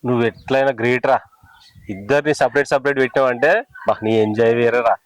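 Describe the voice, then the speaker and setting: A man's voice: medium pitch, steady tone, fast talker. A man playing a teasing friend in a village comedy. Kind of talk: scripted village comedy acting.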